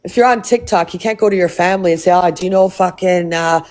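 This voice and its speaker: A woman's voice: on the low side, fast talker, darkish tone. Heated woman ranting on a livestream. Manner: heated, profane, repeats and restarts words. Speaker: livestream host. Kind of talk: angry live-stream rant.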